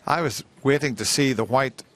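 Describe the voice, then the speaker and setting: A man giving live snooker commentary in a hushed, measured delivery. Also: mid-range voice. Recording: crowd ambience and background noise. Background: snooker arena audience ambience.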